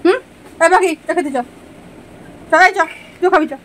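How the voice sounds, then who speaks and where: A woman's voice: extremely high pitch, moderate pace, a bit bright, slight background noise, poor audio. A woman at home, coaxing and scolding her pets in baby talk. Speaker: pet owner vlogger.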